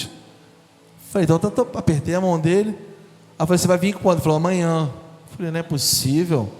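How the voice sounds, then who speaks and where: Animated preacher man in a reverberant hall. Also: fairly high pitch. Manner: animated storytelling, acts out dialogue. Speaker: guest preacher. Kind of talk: sermon testimony. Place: church hall. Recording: long hall reverb with faint music.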